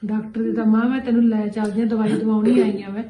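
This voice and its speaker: A woman's voice: on the high side, level tone, quick pace, warm tone, close to an everyday voice. An actress playing a married daughter caring for her mother, talking earnestly with a Punjabi accent. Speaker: actor. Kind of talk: Punjabi short-film acting. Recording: echoey room, mic from afar.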